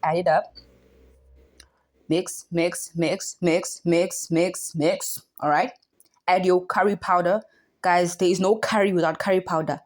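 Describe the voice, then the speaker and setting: A woman's voice: on the low side, steady tone, unhurried. A young woman from South Africa with a South African accent, talking viewers through a recipe in a playful, sing-song way. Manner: playful, sing-song chanting while stirring. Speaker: cooking vlogger. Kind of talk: casual cooking tutorial.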